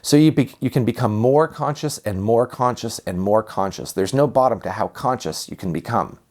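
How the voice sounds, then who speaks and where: A man speaks as a teacher in a calm, unhurried spiritual talk, reflecting aloud and repeating phrases for emphasis. His voice sits in the mid range, and he talks at a normal speed.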